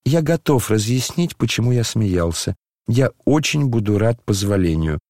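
A man reading an audiobook voices a frail dying young man, hoarse, quiet and tired, almost whispering. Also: lowish voice, expressive, normal speed, no room sound, clean studio sound, lightly acted. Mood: quiet, weary.

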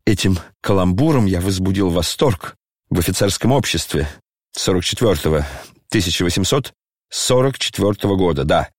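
A man voicing a maudlin, grandiose old retired general, speaking slowly and declaiming in lament, in an audiobook reading. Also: deep voice, expressive, no room sound, studio quality, voice pushed down.

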